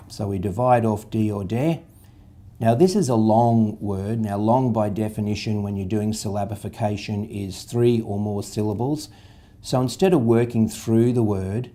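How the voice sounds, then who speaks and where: A man's voice: on the low side, dark tone. A man, patiently explaining a reading method step by step, spelling out letters and sounds. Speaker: literacy tutor.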